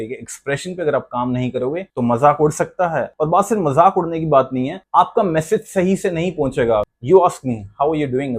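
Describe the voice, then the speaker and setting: Male English teacher, Indian accent, animated, mixes Hindi and English, acts out examples. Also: fairly high pitch, husky. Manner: animated, acts out flat and lively example lines. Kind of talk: Hindi-English lesson talk.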